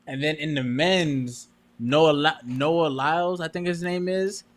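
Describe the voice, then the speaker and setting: A man's voice: a little high, unhurried. A young man co-hosting a podcast with his father, chatting in a laid-back, agreeable way. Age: young adult. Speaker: podcast co-host, son. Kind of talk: casual chat.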